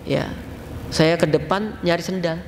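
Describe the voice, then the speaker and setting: A man with a Javanese accent preaching to a congregation in a lively, chatty storytelling style, mixing in local slang and speaking to the listeners directly. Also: fairly high pitch, a little slow. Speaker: Islamic preacher. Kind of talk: casual storytelling sermon. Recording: long hall reverb, faint noise.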